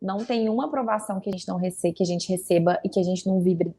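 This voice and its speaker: A woman, hosting an interview and explaining points in a clear, encouraging way. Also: medium pitch, quick pace, dark tone. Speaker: immigration consultant, interviewer.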